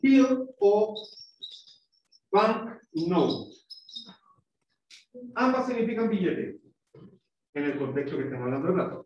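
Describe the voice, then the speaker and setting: A man's voice: high-pitched, expressive, slow pace, pauses often, darkish tone, slight background noise. Male teacher in an echoey classroom. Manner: explains patiently, models pronunciation, quizzes pupils. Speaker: English teacher. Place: school classroom. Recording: echoey classroom, far from mic, dull.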